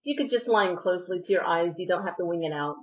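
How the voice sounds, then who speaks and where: A woman's voice: lowish voice, quick pace, muffled recording. A woman beauty vlogger narrating a makeup tutorial, giving friendly step-by-step instructions while slightly losing her voice.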